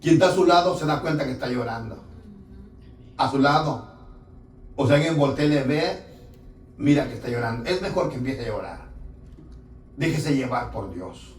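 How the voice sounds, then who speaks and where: A man's voice: mid-range voice, animated, normal speed, long pauses. A man, a pastor preaching a sermon in church, emphatic, drawing out his words and putting questions to the congregation. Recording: echoey church hall, voice from a distance.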